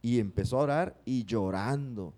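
A man's voice: medium pitch, moderate pace, mellow. A man preaching a sermon, acting out prayers and putting questions to the congregation.

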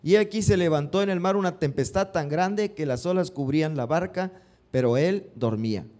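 A man's voice: on the high side, normal speed. A man preaching a sermon, often stopping to put questions to his congregation. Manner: asks the congregation questions, lively rising emphasis.

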